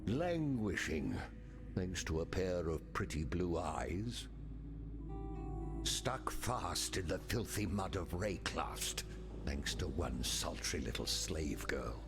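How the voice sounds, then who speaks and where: An actor voicing a pompous, theatrical, melancholy ghost of a marooned sea captain in a video game, with florid delivery and breathy endings. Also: male voice, sits low, heavily acted. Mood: forlorn, bitter. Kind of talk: scripted video game character dialogue.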